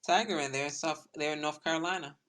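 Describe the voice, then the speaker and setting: Low lady cohosting a podcast, laid back, lots of "you know". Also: fast talker. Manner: relaxed, trailing off with fillers. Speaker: podcast co-host. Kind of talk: casual chat.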